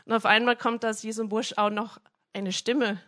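A woman preacher giving a casual devotional talk and retelling Bible stories in a lively, colloquial way. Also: a little high, normal speed.

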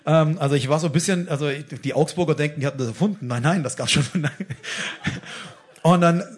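A man preacher telling a lively testimony in a blunt, jokey, colloquial way, acting out the dialogue as he goes. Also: a little high, fairly quick. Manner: animated storytelling, acts out dialogue.

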